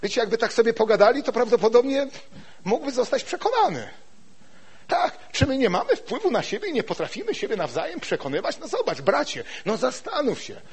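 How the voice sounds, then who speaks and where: A male preacher delivering an animated sermon with a high-pitched voice. He keeps turning to his listeners with rhetorical questions. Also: a little fast, husky.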